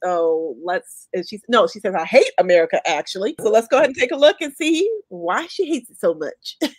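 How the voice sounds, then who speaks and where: A woman co-hosting a reaction podcast, expressive and playful, acting out what others said. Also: medium pitch, brisk, dry recording. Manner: expressive, playful, acts out quotes. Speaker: podcast co-host. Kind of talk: casual reaction podcast chat.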